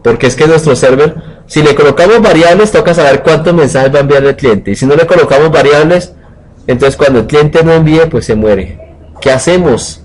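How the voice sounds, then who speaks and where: A man's voice: on the high side, brisk, low-quality recording. A man teaching programming in a live coding lecture, joking, colloquial and asking the class questions.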